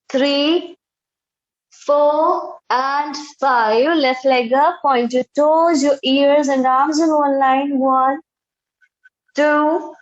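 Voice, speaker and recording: Young indian lady teaching yoga online, high voice, short commands and counting, dull roomy call audio. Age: 20s. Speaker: yoga instructor. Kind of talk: live exercise class instruction with counting. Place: indoor bare room, online video class.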